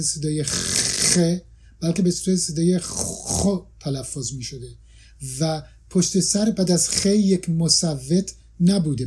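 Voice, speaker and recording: A man explaining points of language in a careful, lecturing way, pausing and restarting as he builds each point. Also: on the high side, mellow, slight background noise. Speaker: language scholar. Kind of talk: explanatory discussion.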